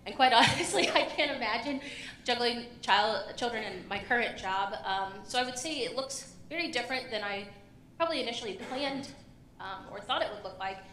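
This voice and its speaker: A woman's voice: fairly high pitch, expressive, moderate pace, a bit bright, a little hiss or hum. Thoughtful woman sharing on a church panel. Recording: echoey church hall.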